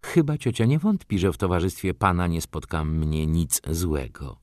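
A man's voice: low voice, animated, moderate pace, darkish tone, dry recording, clean studio sound. A man doing a coy young aristocratic lady.

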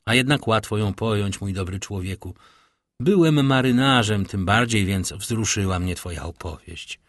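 A man's voice: lowish voice, moderate pace, no room sound, clean studio sound, natural voice. A man doing a grave, noble count. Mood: calm. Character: grave, noble, wealthy count, once a prisoner.

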